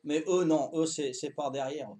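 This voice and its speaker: A man in his fifties with a Corsican accent, chatting calmly to his viewers during a live game stream, tagging his sentences with "hein" and repeating himself. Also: a little high. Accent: Corsican French. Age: 50s. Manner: calm, unhurried, talks to chat while playing.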